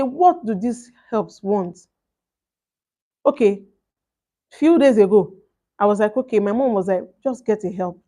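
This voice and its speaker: A woman's voice: mid-range voice, mellow. Emphatic Nigerian woman telling her story. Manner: emphatic, acts out reported exchanges. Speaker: vlogger telling a personal story. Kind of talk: casual storytelling, slipping between English and Pidgin.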